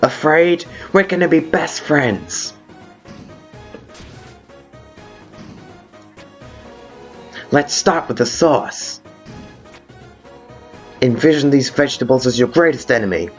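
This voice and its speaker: This fan dubber has a medium-pitched voice, lively intonation and an unhurried pace, lightly acting out a brash, hot-headed female monster guard captain. The lo-fi recording of this dramatic video game dialogue sounds fired up, blunt and informal, with music playing behind him.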